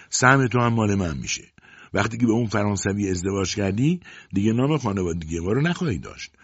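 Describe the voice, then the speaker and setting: A man voicing a strong, stingy, greedy middle-aged mother who scolds and shouts at her daughter in a storybook reading. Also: mid-range voice, breathy edge, dry recording, pitched above the performer's own voice. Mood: shouting. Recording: dull dry lo-fi audiobook recording.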